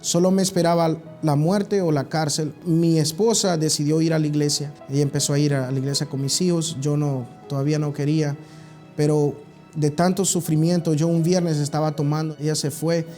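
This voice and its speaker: A man from Honduras, giving an earnest personal church testimony, halting and restarting as he goes. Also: on the high side, steady tone, a little mellow, soft background music.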